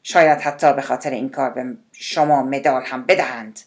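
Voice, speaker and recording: A woman voicing an agitated middle-aged male director-general who is tense and commanding, sometimes shouting. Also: rumbling low, fairly even intonation. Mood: angry, commanding.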